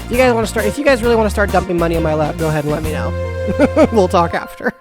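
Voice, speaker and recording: A woman's voice: fairly low pitch, very fast, over music. A young woman hosting a video game playthrough, chatty and self-deprecating, often laughing. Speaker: gaming video host. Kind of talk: casual let's-play commentary.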